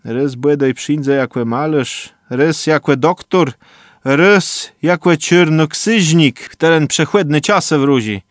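A man's voice: medium pitch, measured pace, hardly any pauses, no echo, clean studio sound, pitched above the performer's own voice, lightly acted. A man voicing a grave, knowing older man who warns of doom in an urgent tone.

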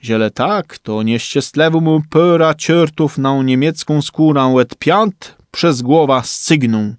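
Brief: an unhurried Kashubian male storyteller, dry close recording. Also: a little high, clear, resonant tone, dry recording. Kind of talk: reading a folk tale aloud.

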